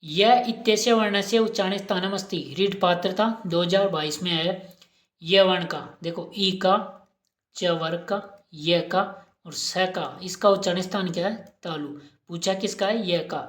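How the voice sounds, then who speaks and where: A woman's voice: on the low side, fairly even intonation, normal speed. A woman teacher giving an exam-prep lesson, asking questions and repeating each answer aloud. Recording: roomy echo.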